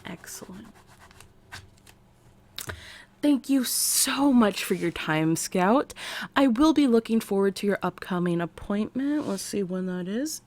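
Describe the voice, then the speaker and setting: An American woman, sounding brisk and flustered, portrays an eager, eccentric military scientist doubling as therapist. The intimate ASMR roleplay is chatty and sometimes drops into soft whispers. Her natural, mid-range voice is expressive and a little slow.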